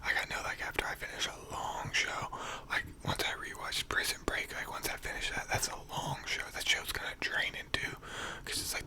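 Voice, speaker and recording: An American teenager whispering a casual, rambling ASMR monologue, quiet as if late at night. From North Carolina, United States. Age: teenager, around 16 to 18. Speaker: ASMR video creator.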